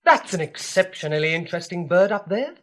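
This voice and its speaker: A man's voice: high voice, animated, brisk, fairly bright tone. A young man playing a kind, bored young prince in a storybook recording, wry, playful and well-spoken. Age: young adult.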